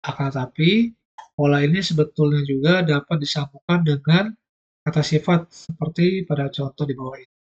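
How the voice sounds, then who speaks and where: A man's voice: fairly high pitch, moderate pace, lo-fi sound. A man teaching an online language lesson, explaining patiently step by step.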